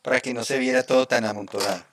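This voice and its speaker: A man's voice: medium pitch, fairly even intonation, fast, slight background noise. Man teaching a live coding lesson. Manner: explains step by step, often checking in with "¿cierto?" and "¿ok?". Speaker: programming instructor.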